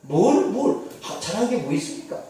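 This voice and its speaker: A man's voice: high-pitched, very animated, moderate pace, dark tone, heavy reverb, distant mic, voice pushed up, rough recording. A man voicing a resentful grown elder son who protests with heated rhetorical questions.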